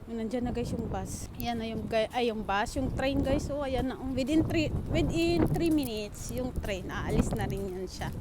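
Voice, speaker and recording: A woman's voice: fairly high pitch, unhurried, hardly any pauses. A woman from the Philippines telling a story to her viewers in a casual, chatty vlog, mixing English words into her talk and calling the audience "guys.". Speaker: vlogger. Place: outdoors in the rain, waiting for a train. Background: rain, wind and passing vehicles.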